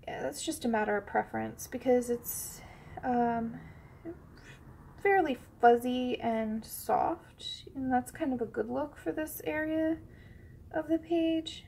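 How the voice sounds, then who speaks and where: At her desk, a high-voiced woman with a sniffly head cold narrates a casual, real-time coloring tutorial. She wanders off and restarts, says um a lot, and sometimes whispers softly as she draws. Her gravelly voice moves slowly, and there's slight background noise.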